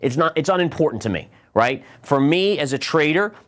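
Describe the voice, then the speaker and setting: A man's voice: a little high, expressive, fairly quick. A middle-aged man hosting a live trading show, walking viewers through charts in an explanatory, conversational way. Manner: explanatory, addresses viewers as guys.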